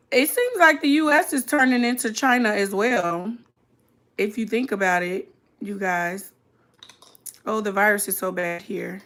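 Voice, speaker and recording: A woman's voice: on the high side, fairly bright tone. A woman chatting casually and informally as a live-streamer, reacting to a video and talking directly to her viewers. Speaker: streamer hosting a reaction mukbang.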